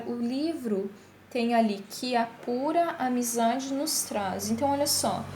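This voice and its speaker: A woman's voice: on the high side, a little mellow. Echoey woman teacher, patient. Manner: explains step by step, checking in with "tá?"; slows down to read example lines aloud. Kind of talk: recorded online class. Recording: echoey room with faint hiss.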